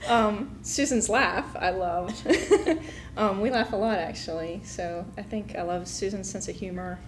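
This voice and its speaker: Slow, giggly woman in interview. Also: mid-range voice, a little hiss or hum, low-quality recording. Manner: hesitant, giggly.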